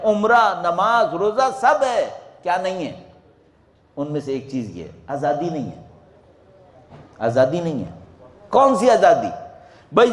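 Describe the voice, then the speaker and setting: A man giving a religious sermon to a congregation, swinging between loud rising questions and quiet drops. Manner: dramatic rises and drops in pitch and volume, rhetorical questions. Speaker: preacher. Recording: echoey hall.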